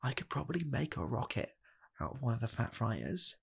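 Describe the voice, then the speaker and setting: This ASMR roleplayer, a young man in his 20s, plays a jittery rocket scientist hoping to land a fast-food job in a comedic interview skit. His mid-range voice is very animated and heavily acted, yet soft, husky and gravelly, often dropping to a whisper. Earnest and eager, he halts, stammers and keeps repeating himself.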